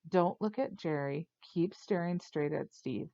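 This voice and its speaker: Brief: anxious pleading teen boy, read by a woman, voice pushed up and louder, lo-fi dry sound. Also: medium pitch, expressive, moderate pace, dry recording, lightly acted. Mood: hushed. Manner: urgent, pleading. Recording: dull lo-fi dry recording.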